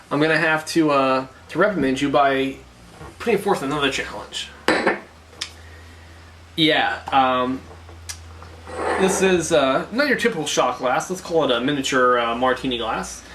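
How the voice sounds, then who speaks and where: A man's voice: mid-range voice, normal speed, pauses often. Mock-formal man hosting over noisy background. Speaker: host of a web challenge show. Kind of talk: casual food challenge commentary.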